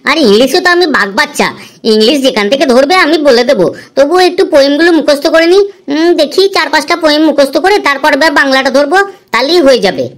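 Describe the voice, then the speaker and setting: A woman's voice: high-pitched, lively intonation, quick pace. A woman voicing a boastful young man in a cartoon, bragging while cramming rhymes for an exam. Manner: bragging, reciting rhymes with hums. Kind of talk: cartoon voice acting.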